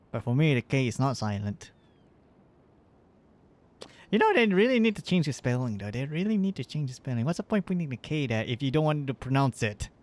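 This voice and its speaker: Male VTuber streamer, casual game commentary, stammers, swears, jokes. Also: mid-range voice. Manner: rambling, stammering, swearing, jokey.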